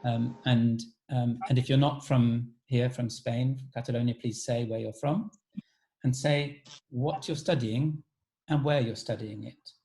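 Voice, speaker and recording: A man's voice: medium pitch, steady tone, measured pace, creaky, warm tone. A man hosting an alumni talk over a video call, casually inviting each former student to introduce themselves.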